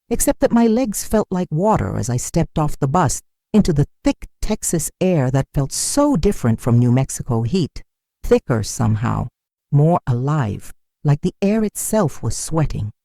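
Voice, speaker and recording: A woman reading a scripted first-person story in an even, measured way. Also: low-pitched, no room sound, studio quality.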